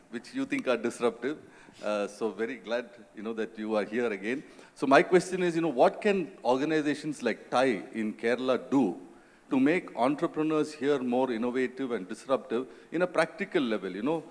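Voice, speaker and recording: Man, audience question, polite, explanatory, mid pitch, hall reverb. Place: conference hall.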